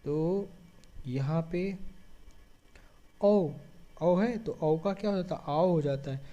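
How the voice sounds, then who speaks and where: A man teaches a grammar lesson step by step. His voice sits a little high but has a mellow, warm tone. He keeps asking questions and answering them himself, and often checks in with short words. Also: slow pace, dull audio. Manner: frequent checking fillers. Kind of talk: board-style grammar lesson.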